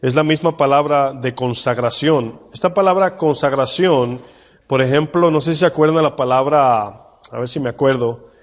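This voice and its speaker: Male pastor mid-sermon, reads verses slowly with weight; church hall reverb. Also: mid-range voice. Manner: asks the congregation questions, reads scripture slowly.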